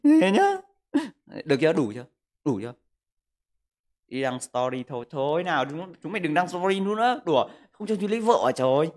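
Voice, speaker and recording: Guy in his 20s, slightly high voice, crude jokey livestream chat at home on a desk mic. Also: lively intonation, a little fast. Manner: joking and crude, reading viewer comments aloud. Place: room at home. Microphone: desk microphone.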